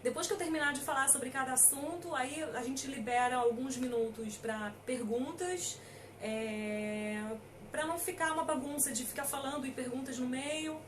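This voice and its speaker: A woman's voice: high voice, normal speed, recorded from a distance, background noise. A middle-aged Brazilian woman lawyer giving an informal talk, hesitant with many fillers and emphatic on key points. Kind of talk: informal lecture.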